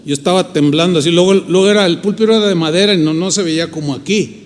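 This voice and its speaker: High-voiced Mexican preacher telling a story. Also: male voice, quick pace, a little hiss or hum. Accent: Mexican Spanish. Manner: animated storytelling, acting out quoted voices. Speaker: pastor. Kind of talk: sermon storytelling. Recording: long hall reverb.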